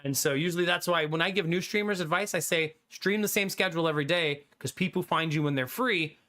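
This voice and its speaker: A young adult man streams live and chats casually with his viewers, animated, talkative, and often laughing. His voice sits on the high side and he talks fast.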